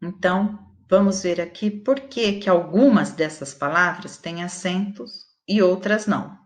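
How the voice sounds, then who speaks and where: Slow, patient woman teacher with Brazilian accent. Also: on the low side, fairly bright tone. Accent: Brazilian Portuguese. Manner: slow, patient, spelling out syllables and stressing words. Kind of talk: recorded grammar lesson for schoolchildren.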